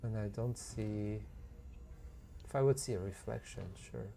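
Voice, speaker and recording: Gravelly, sleepy man playing a game. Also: fairly low pitch, unhurried, mellow, a little hiss or hum. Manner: drowsy, thinking aloud, often yawning. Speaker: gaming streamer. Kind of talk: casual gameplay commentary.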